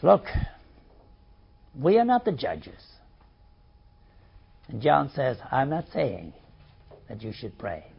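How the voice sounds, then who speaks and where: A man's voice: mid-range voice, huge pitch swings, slow pace, vocal fry, long pauses, husky. A man preaching a sermon, reading scripture aloud and explaining it with emphasis. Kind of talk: sermon, Bible teaching. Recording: dull lo-fi recording.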